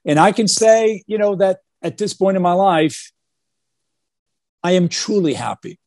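A man's voice: high-pitched, measured pace, a little mellow, dry recording, studio quality. A man from Portugal talking about his life as a guest on a video call, earnest, with many fillers and repeated starts. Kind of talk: casual interview talk.

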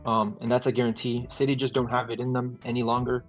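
A man's voice: medium pitch, level tone, faint music behind. An American man co-hosting a sports podcast, chatting casually with a playful, teasing manner. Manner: playful, teasing, drawn-out predictions. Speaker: podcast co-host. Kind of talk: casual chat.

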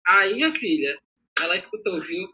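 A man's voice: sits high, normal speed, poor audio. Talkative man. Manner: animated storyteller, talkative. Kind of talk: casual podcast chat.

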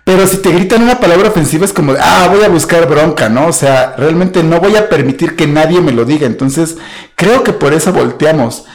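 A man's voice: on the high side, animated, fairly quick, darkish tone. Chatty Mexican man telling anecdotes. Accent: Mexican Spanish. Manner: anecdotal storyteller, many fillers and tag questions. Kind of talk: casual chat.

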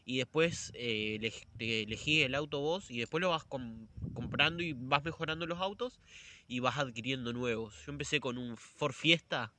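A man's voice: mid-range voice, normal speed, sharp tone, a little hiss or hum. Laid-back young Argentine man. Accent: Argentine Spanish. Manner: laid-back, slangy and profane. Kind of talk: casual chat.

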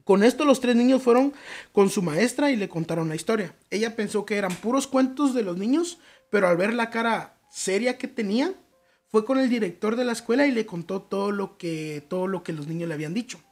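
Relaxed Mexican man telling a story. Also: high voice, brisk. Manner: relaxed, joking, slangy. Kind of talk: casual storytelling chat.

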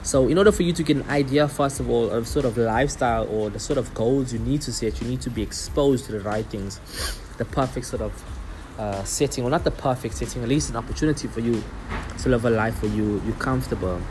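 A man's voice: medium pitch, music in the background. Earnest South African man hosting a podcast. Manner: earnest, explanatory, with frequent pauses and fillers. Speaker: podcast host. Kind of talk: solo motivational podcast talk.

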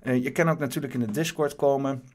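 A man's voice: medium pitch, steady tone. A man hosting his own stream, giving casual, rambling commentary on the news, full of fillers and restarts. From Netherlands. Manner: halting, many fillers and restarts.

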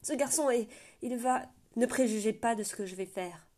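A woman's voice: fairly high pitch, normal speed, darkish tone, natural voice. A woman voicing a proud, desperate young man who pleads urgently for shelter, in a storybook reading.

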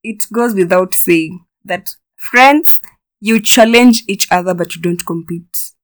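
A woman co-hosting a casual podcast chat, speaking in a measured, agreeable way. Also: on the low side. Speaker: podcast co-host.

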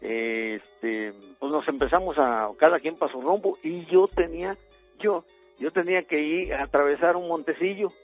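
A middle-aged man with a Mexican accent calls a radio show to tell a ghost story, wandering and hesitating as he goes. His voice is a little high and his speed normal; the phone line is tinny, with music.

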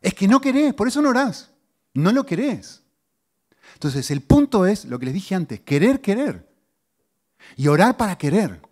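A middle-aged man, a pastor giving a conversational sermon to his congregation with lively rises in pitch and asides to the listeners. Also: normal speed, long pauses. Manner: conversational teaching, animated pitch swings, audience asides.

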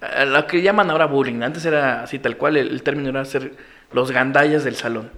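A man in his thirties from Mexico City with a Mexico City accent, a podcast guest telling stories in slangy, animated talk. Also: mid-range voice, fairly quick. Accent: Mexico City Spanish. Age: 30s. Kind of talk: casual podcast chat.

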